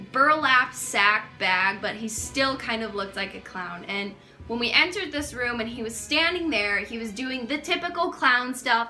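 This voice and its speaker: A young woman vlogger telling a casual storytime, chatty and animated, with lots of swearing and fillers. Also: fairly high pitch. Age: young adult.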